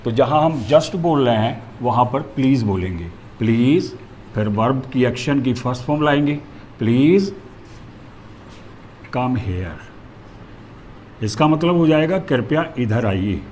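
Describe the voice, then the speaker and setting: A man's voice: medium pitch, expressive, moderate pace, darkish tone, a little hiss or hum. A male teacher explaining a grammar lesson, methodical and going through examples step by step.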